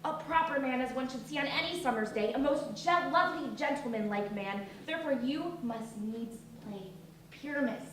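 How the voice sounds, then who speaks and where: Woman acting a bossy play director, high voice, declamatory, theatrical Shakespeare comedy, distant mic. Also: normal speed, a bit bright. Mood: coaxing. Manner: declamatory, firm. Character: earnest, bossy organiser of an amateur troupe. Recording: echoey hall, distant mic, faint noise.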